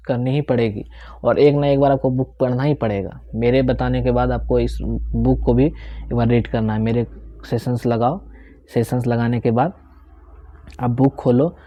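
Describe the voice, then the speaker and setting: On a lo-fi recording with no echo, a young man with a mellow, mid-range, steady voice teaches English pronunciation at a moderate pace, speaking Hindi with bits of English. Step by step, he repeats the key words and keeps asking his students "theek hai".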